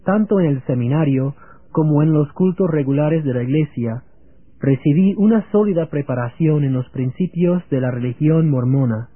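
Young man, guest, earnest testimony, slightly high, husky, phone-like radio sound. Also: normal speed, dry recording. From Virginia, United States. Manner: earnest, steady, read-aloud. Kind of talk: read religious testimony.

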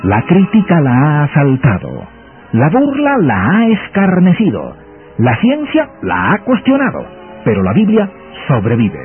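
A man's voice: a little high, huge pitch swings, measured pace. Dramatic male announcer over a tinny radio. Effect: heard over a radio broadcast. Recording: tinny radio broadcast with faint music.

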